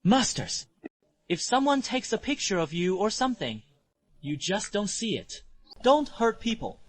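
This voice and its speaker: Husky, animated young disciple. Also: male voice, high voice, a little slow, heavily acted. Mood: eager, confident. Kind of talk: anime dub.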